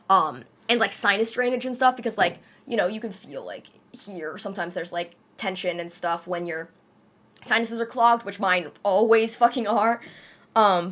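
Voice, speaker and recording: A woman's voice: mid-range voice, a bit bright. A young adult woman streamer with a slight lisp, chatting casually with her viewers in a rambling way, full of fillers and swearing.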